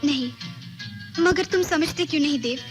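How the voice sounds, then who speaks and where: An actress playing a withdrawn young widow who quietly refuses kindness, in 1980s Hindi film style. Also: female voice, high voice, moderate pace, close to an everyday voice. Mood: sorrowful. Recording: film soundtrack with music beneath.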